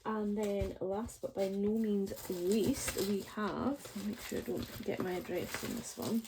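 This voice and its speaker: Close-up crinkling of packaging runs through this casual chat from a budgeting vlogger in her forties. Speaking a little slowly in a medium-pitched, gravelly voice, she rambles while displaying her budgeting items and makes playful jokes at her own expense.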